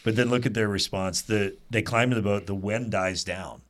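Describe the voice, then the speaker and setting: Earnest low-voiced man teaching Bible study. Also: moderate pace. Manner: earnest, animated storytelling with asides.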